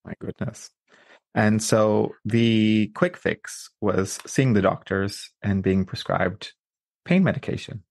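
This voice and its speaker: A man's voice: lowish voice, takes it slowly, creaky, darkish tone. A man hosting a podcast interview, upbeat and introducing his guest with flourish. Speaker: podcast host.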